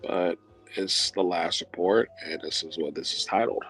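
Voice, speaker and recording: A man signing off from his online league show rambles through heartfelt thank-yous in a casual farewell video, swearing now and then. His low voice stays steady and fairly bright at a normal pace, with soft music in the background.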